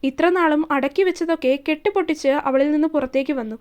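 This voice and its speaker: A woman storyteller reads a romance serial aloud with steady expression. Her voice is high and light. The telling is even and unhurried.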